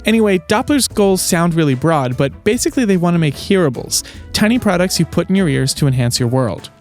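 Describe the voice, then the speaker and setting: A man with a fairly high, dry, close-miked voice hosts a tech video. He delivers scripted narration in a wry, conversational way, with some music behind him. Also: very animated, fairly quick. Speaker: host and reviewer. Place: small soundproofed closet.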